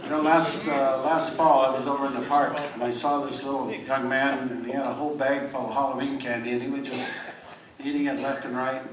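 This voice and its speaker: An older man telling jokes to a live audience in a clubhouse, with folksy, rambling set-ups and quick punchlines. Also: medium pitch, level tone, crowd noise. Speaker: stand-up comedian. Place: clubhouse of a retirement community. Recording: roomy, distant mic in a hall.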